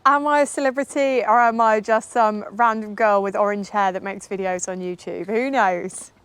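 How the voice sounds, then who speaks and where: A woman's voice: medium pitch, steady tone, moderate pace, a bit bright, smooth. Wry, chatty woman. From Yorkshire. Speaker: guest YouTuber. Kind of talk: casual chat. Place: outdoors at a workshop in the sun.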